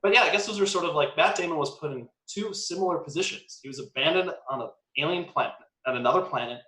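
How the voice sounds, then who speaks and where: A man's voice: fairly high pitch, quick pace, pushed and bright, reverberant. A man chatting casually about movies and science, rambling with lots of fillers and hedges. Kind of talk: casual chat.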